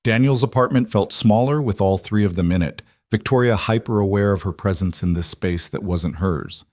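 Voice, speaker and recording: A man reading a scripted story aloud in an even, measured way. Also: fairly low pitch, no echo, clean studio sound. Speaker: narrator. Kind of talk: scripted audiobook narration.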